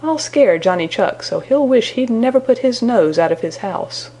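A woman's voice: fairly high pitch, animated, moderate pace, warm tone, voice pushed up. A woman voicing a sly, scheming male fox in a children's story. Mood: gleeful scheming. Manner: gleeful, scheming.

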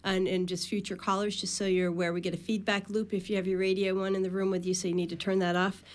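A woman's voice: mid-range voice, level tone. A woman hosting a radio call-in program, taking callers and moderating guests. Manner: brisk, fast-paced moderating.

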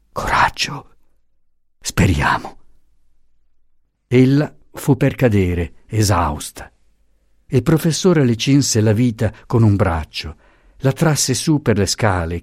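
A man reading an audiobook aloud in a dramatic, unhurried way. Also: fairly low pitch, warm tone, no room sound, clean studio sound. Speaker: audiobook reader. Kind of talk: scripted audiobook narration.

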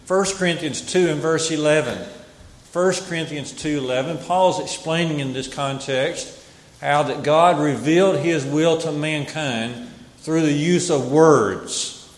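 A man delivering a Bible sermon in a measured, emphatic way, often repeating key phrases. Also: on the high side. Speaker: preacher. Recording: echoey hall with long reverb.

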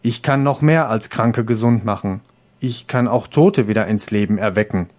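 A man reading a fairy tale aloud, voicing a calm, stern old saint in a measured, solemn manner. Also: fairly low pitch, close to an everyday voice.

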